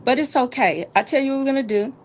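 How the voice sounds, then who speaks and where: A woman hosts a casual talk show. Her delivery is folksy and animated, and she repeats words for emphasis. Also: sits high, quick pace. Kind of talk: casual live call-in style chat.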